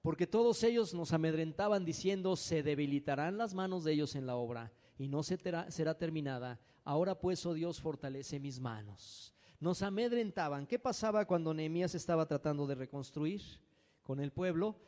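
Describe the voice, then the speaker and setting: A man's voice: on the high side, animated, moderate pace, dark tone. A man preaching a sermon as pastor, dramatic and acting out frightened voices. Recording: long hall reverb.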